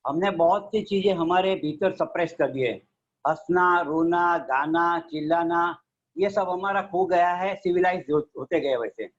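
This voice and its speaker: A man's voice: a little high, measured pace, lo-fi sound. A man explaining a meditation practice step by step to a group on a video call. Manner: steady, explanatory, mixes English terms. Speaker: meditation teacher.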